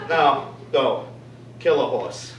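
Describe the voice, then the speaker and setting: A man's voice: medium pitch, slow. A man performing a comedy sketch, joking about his son in a playful, laughing way. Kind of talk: improv sketch with mob-boss joking. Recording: echoey distant noisy room recording.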